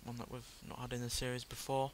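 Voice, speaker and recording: A man's voice: mid-range voice, monotone, fast talker. A man hosting a video game playthrough with casual, understated, rambling commentary. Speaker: gaming video host. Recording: loud car engine noise behind voice.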